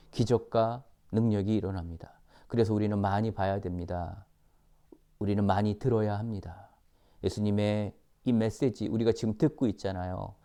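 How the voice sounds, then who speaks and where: Slow emphatic Korean preacher, low and mellow. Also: male voice, smooth. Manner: slow, emphatic, repeats phrases, drops to whispers. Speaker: missionary preacher. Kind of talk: sermon with scripture reading.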